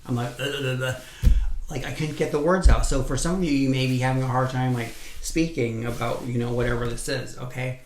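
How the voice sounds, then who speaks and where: Fairly quick and with few pauses, a man with a steady, mid-range voice runs through a casual pick-a-card tarot reading. He's blunt, cusses freely, and repeats points over and over for emphasis, recorded in an echoey space with faint noise.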